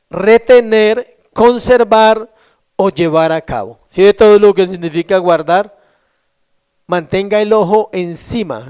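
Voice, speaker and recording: A male pastor preaching a sermon, asking the congregation questions and answering them himself, stretching key words slowly for emphasis. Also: sits high, a little mellow, smooth.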